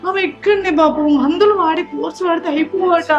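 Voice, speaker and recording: Woman acting a worried daughter-in-law, high fast voice, Telangana Telugu accent, dull sound. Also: faint music behind. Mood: anxious. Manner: urgent, pleading. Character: worried daughter-in-law caring for sick relative. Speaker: actor in a family drama.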